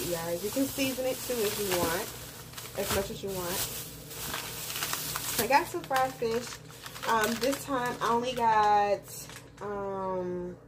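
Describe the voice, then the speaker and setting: A woman, chatting casually to viewers about her grocery haul from her home kitchen. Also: mid-range voice. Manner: chatty, folksy, addresses viewers directly. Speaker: vlogger. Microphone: phone camera in front. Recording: noisy home phone recording.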